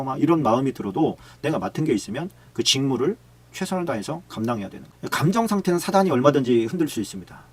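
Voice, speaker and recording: Male pastor, husky voice, chatty sermon full of rhetorical questions. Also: medium pitch. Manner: conversational preaching with frequent rhetorical questions and acted-out quotes.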